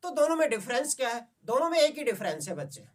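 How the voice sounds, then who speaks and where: A woman's voice: a little high, big pitch swings, fast, far from the mic. A woman teaching a grammar lesson to children, patient and often stopping to ask whether her students have understood. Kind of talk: classroom lesson.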